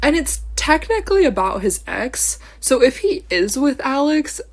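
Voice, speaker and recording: A woman's voice: sits high, very animated, a little slow. A young woman hosting a casual solo podcast, chatting in a bubbly, rambling way, full of "like" and "um", drifting off on tangents and giggling. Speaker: podcast host. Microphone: own camera.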